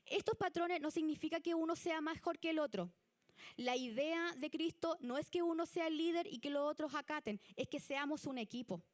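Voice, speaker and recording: A woman with a Chilean Spanish accent giving a church youth leadership lesson, chatty and animated. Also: sits high, moderate pace. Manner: chatty and animated, acts out example people.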